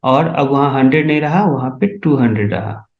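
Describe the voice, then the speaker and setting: Speaking at a medium pitch and a slightly quick pace, a man teaches C in a step-by-step screen-recorded tutorial. He often asks if his students are following, with echoey, muffled lo-fi room audio.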